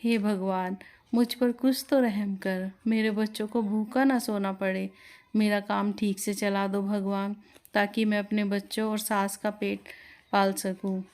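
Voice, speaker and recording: A woman's voice: mid-range voice, little pitch movement, measured pace, darkish tone, natural voice. A woman voicing a struggling but determined young chaat seller in a storybook tale, speaking earnestly. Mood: pleading. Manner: earnest, pleading.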